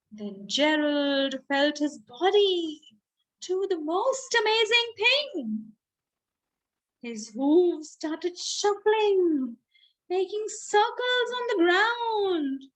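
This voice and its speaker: A woman reading a children's picture book aloud expressively, pausing dramatically and repeating phrases for young listeners. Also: extremely high pitch, low-quality recording. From India.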